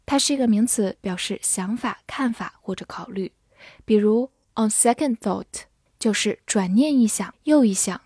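A woman giving a scripted English vocabulary lesson, explaining words clearly and reading example sentences slowly. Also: medium pitch, darkish tone, no room sound, studio quality. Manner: clear, measured, slows down for model sentences. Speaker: English teacher.

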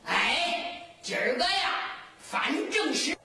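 A sly, scheming general in disguise, as a woman puts him on, coaxing and flattering in Henan folk storytelling with a Henan accent. The voice is high and unhurried. It sounds far off in a very echoey, noisy live recording. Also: exaggerated voice. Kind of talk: Henan zhuizi storytelling, sung and spoken.

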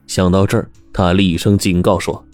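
A man with a very low voice tells a dramatic story, acting out the lines of each character. Faint music plays under his voice. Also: normal speed. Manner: expressive, acting out the dialogue.

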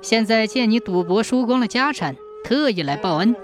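A woman voicing a pitiful, gentle young ghost woman who speaks in a soft, pleading, measured way. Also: fairly high pitch, lively intonation, soft background music, lightly acted. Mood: solemn.

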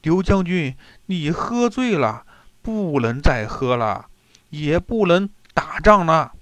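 Brief: a man playing a flustered, polite storybook general; dry close sound, slow pace. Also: on the high side, big pitch swings, fairly bright tone, no room sound, exaggerated voice. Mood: deferential. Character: polite, eager-to-please male general.

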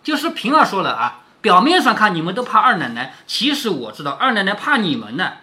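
A man's voice: high-pitched, very animated, brisk, pushed and bright. A man reading a classic novel aloud and explaining it, often asking rhetorical questions. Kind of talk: storytelling with explanations.

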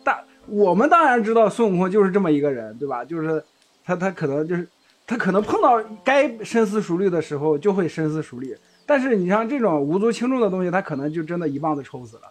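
A man's voice: high-pitched, sing-song, quick pace. A man co-hosting a casual podcast discussion, talking in a chatty way with laughs and hesitant restarts. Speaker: podcast co-host.

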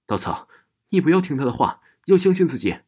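A sensible young college girl explaining her findings, as a low, husky male narrator reads her. The voice stays close to the storyteller's own deep tone. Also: sing-song, moderate pace, darkish tone, exaggerated voice. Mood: urgent. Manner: explaining plainly. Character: calm, clever young female student roommate.

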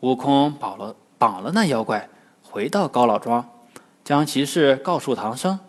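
Lively male storyteller for children. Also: medium pitch, a little slow. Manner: lively, expressive. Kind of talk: scripted narration.

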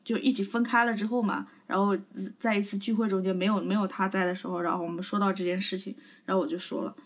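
A woman's voice: mid-range voice, little pitch movement, fast talker. A young adult woman co-hosting a podcast, telling a long anecdote in casual, rambling chat. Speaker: podcast co-host.

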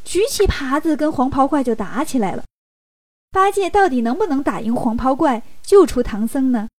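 A woman narrating a classic story for children in a lively, playful storytelling manner. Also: high-pitched, moderate pace, no room sound.

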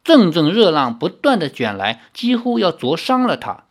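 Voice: medium pitch, very animated, moderate pace. An audiobook narrator reading a novel dramatically, with casual asides.

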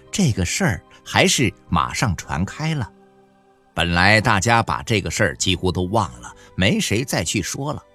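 A man narrating an audiobook in a colloquial, animated storytelling manner. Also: on the low side, no room sound, clean studio sound.

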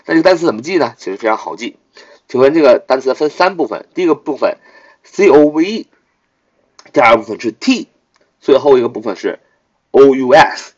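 A male teacher explains vocabulary in a lively, swinging voice that rises on his questions. He repeats each word three times and spells it out letter by letter. The recording sounds dull and lo-fi. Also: medium pitch, fast talker, husky. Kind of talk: vocabulary lesson.

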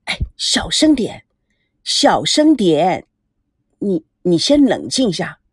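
A woman's voice: lowish voice, very animated, slow, breathy edge, no room sound, clean studio sound, voice pushed down, exaggerated voice. A woman voicing a young man who talks hesitantly and defensively. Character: young man, awkward and guilty.

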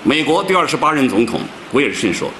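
A man's voice: very animated, fast, a bit bright, slight background noise, poor audio. A man giving a public lecture, stressing his words with big rises and drops. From China. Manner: emphatic, swings pitch widely for stress.

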